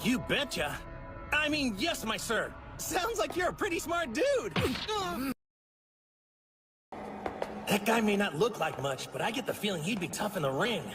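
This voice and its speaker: An actor voicing a cheerful, naive young male martial artist hero in an anime dub, excitable and awkwardly polite. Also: high voice, measured pace, pauses often. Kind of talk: English anime dub acting. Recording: anime clip with loud music behind. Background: music.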